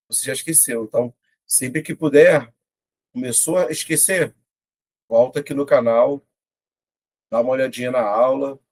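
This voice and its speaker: A man teaching a casual online Portuguese lesson, chatty and colloquial, working through examples step by step out loud. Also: medium pitch, husky.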